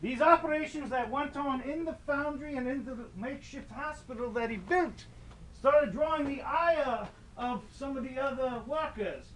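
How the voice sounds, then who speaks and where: Macabre comic ghost tour storyteller, male actor, theatrical and wordy, strikingly high voice, slightly noisy distant recording. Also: moderate pace, fairly bright tone. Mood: macabre relish. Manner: theatrical, mock-grandiose, wordy. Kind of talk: semi-scripted comic horror tour narration. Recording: distant mic, light background noise.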